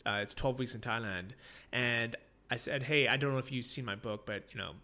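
This podcast host from the United States keeps his interview casual, rambling with plenty of fillers and frequent laughter. His voice is mid-range, fairly quick and sharp in tone.

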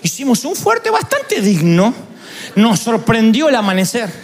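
A man, preaching a storytelling sermon that swings from hushed asides to loud, emphatic preaching. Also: extremely high pitch, huge pitch swings, unhurried. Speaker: pastor.

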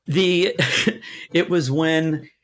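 A man as an interview guest, telling a casual story in a rambling way, with many restarts and asides, and animated when he quotes others. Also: on the high side, extremely slow. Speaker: interview guest, amp builder.

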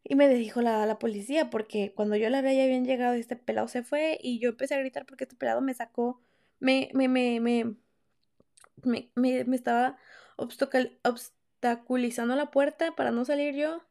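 This young woman speaks with a Mexican accent in a fairly high, gravelly, warm voice, her intonation fairly even and her pace moderate. Hosting a podcast, she recounts a personal story in candid, slangy, profane casual talk, acting out the quoted lines.

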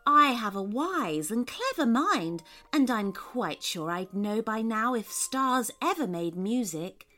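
A woman's voice: on the high side, sing-song, takes it slowly, hardly any pauses, sharp tone, heavily acted. A woman voicing a proud, dismissive female owl who speaks in a haughty, impatient way.

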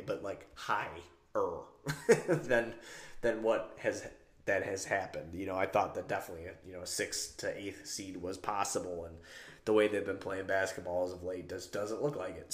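Man, podcast host, low voice, casual swearing, tired, heavy bathroom echo. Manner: rambling, profane, relaxed. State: tired after drinking. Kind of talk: casual chat. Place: small tiled bathroom.

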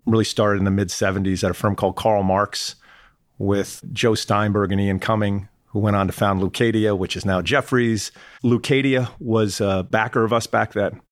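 A man's voice: fairly low pitch, dry recording, studio quality. A middle-aged or older man giving conversational answers as an executive guest in an interview.

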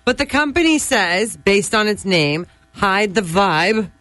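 A woman's voice: mid-range voice, animated, slow, fairly bright tone, dry recording, faint music behind. A woman co-hosting a radio morning show, telling stories and giggling easily. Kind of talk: radio banter and story telling.

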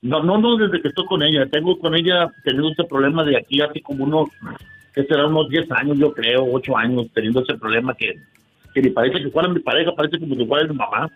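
A man calls in to a radio show, talking quickly and stumbling over repeated words. His voice is husky and mid-pitched. The call comes through a dull lo-fi line with faint music underneath. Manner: halting, repeats himself. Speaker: caller.

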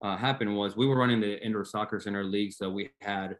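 A man's voice: lowish voice, fairly even intonation, quick pace. A man in his thirties from Argentina, a team owner and guest, talking eagerly and earnestly with many restarts. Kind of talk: casual interview talk.

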